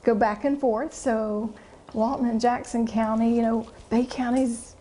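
A woman's voice: fairly high pitch, level tone, unhurried, warm tone, a little hiss or hum. A middle-aged woman giving casual interview answers indoors. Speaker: youth development faculty, interviewee. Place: indoors before a branded backdrop.

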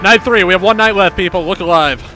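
A man hosting a casual game session with friends, excitable and quick with jokes, laughing often over a voice call. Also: sits high, faint music behind. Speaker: gaming channel host. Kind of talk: casual gaming chat with friends.

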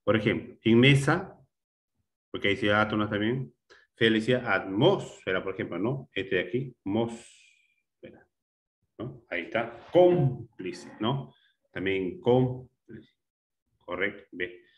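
A male teacher giving a classroom grammar lesson, explaining step by step, repeating words and often checking with a quick question. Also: on the low side, a bit bright.

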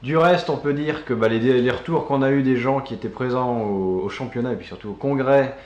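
A man's voice: mid-range voice, a little fast, darkish tone, echoey room, muffled recording. A man co-hosting a casual magic news show, talking loosely with many fillers and restarts. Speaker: co-host.

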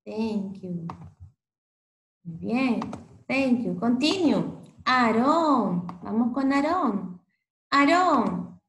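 A woman's voice: a little high, expressive, very slow, pauses often. A woman teaching a class over a video call, switching between English and Spanish and saying "ok" again and again. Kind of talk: online class instruction. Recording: echoey room.

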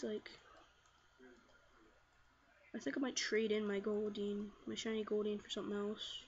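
A woman hosting a gaming video, excitably commenting on her battles and shouting commands at her team. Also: fairly high pitch, breathy edge. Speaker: gaming channel host. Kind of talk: Let's Play commentary. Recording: dull lo-fi mic with faint noise.

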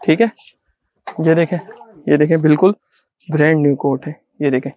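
Middle-aged male shopkeeper, Pakistani Urdu accent, insistent repetitive sales talk, fairly high voice, dry shop recording. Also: fairly even intonation, moderate pace, warm tone, no room sound. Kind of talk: sales pitch to a vlogger. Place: small indoor clothing shop.

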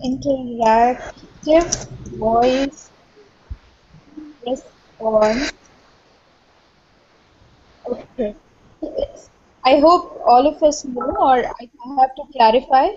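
Woman from India, doctoral student, husky, lo-fi online-call sound. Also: high voice, darkish tone. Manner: quick, halting with fillers. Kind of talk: self-introduction in online class. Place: video call. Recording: dull lo-fi online call audio.

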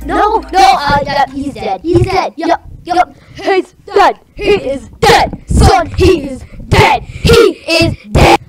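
A woman in a casual reaction video, chatty and quick to exclaim, her voice run through a robot voice changer. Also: very high voice, lively intonation. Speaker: video creator reacting to an animation. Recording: echoey room, distant mic, music behind.

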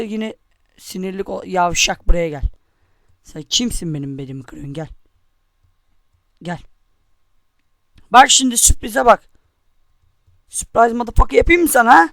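A young man with a very high voice rages and swears through his gameplay commentary. His recording is close and dry, with no room sound around it. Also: very animated, normal speed, vocal fry, pauses often, fairly bright tone, no room sound. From Turkey. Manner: angry, cursing, taunting. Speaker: gamer.

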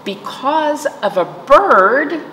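A middle-aged children's librarian hosts virtual storytime from a seat in a small indoor library room, reading aloud and doing rhymes for young children while explaining simply and checking in with questions. She speaks very slowly in a high-pitched, expressive voice, bright and forceful. The room sounds echoey, and there's background noise.

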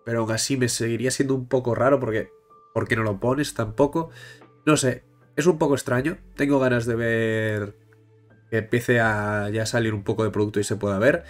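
A man with a Spain accent, stuffed up with a bad cold, chatting casually as a YouTube host about card-game news and pausing for breath. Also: mid-range voice, fairly even intonation. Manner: pauses to catch breath. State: congested with a bad cold, blocked nose. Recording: music behind the voice. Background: music.

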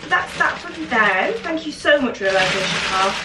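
With lively intonation and a mid-range voice at normal speed, a British fashion vlogger in her twenties, stuffy from a cold, chats brightly and thinks aloud while unpacking a parcel and shopping in her kitchen. Captured from afar on a camera mic, the audio is echoey and very noisy.

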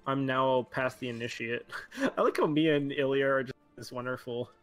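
Bright-voiced man narrating his game. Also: medium pitch, fairly even intonation, moderate pace, faint music behind. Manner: chatty, narrates his own game events aloud. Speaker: host playing a strategy game with friends. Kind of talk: casual gaming chat.

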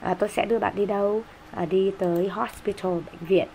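A woman teacher talks through exam questions one after another in a brisk, explanatory manner, with a voice of middling pitch. Her talk is dotted with fillers and now and then a cough. A faint hiss of noise sits under the voice. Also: steady tone, gravelly, warm tone. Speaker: English teacher. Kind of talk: exam answer walkthrough.

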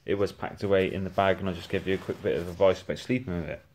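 A man's voice: low voice, fast talker, a little hiss or hum. Man giving a chatty gear walkthrough. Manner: chatty, relaxed, with frequent restarts. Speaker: gear reviewer. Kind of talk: casual product walkthrough. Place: indoors at home, on a rug.

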